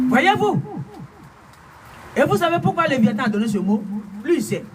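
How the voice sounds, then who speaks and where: A man preaching a spiritual message, speaking slowly and emphatically and repeating hallelujah often. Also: very high voice. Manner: slow, emphatic delivery with frequent hallelujahs. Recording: distant mic with faint room noise.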